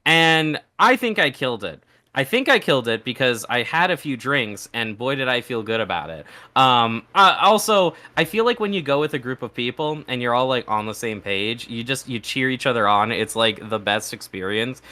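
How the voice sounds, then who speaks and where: Lively young man telling a story. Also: medium pitch, moderate pace. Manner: animated storyteller, acts out quoted people. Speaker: podcast co-host. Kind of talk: casual comedy podcast chat. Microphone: podcast microphone.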